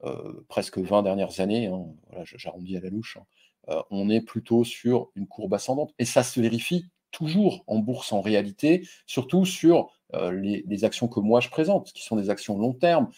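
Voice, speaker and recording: A man's voice: lowish voice, animated, normal speed, mellow, breathy edge. A man hosting an investing video, talking casually and directly to the viewer with lots of fillers and crude slang. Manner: loose and chatty, frequent fillers and crude slang; addresses viewer directly and informally. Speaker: stock investing video host. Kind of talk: casual screen-share investing explainer.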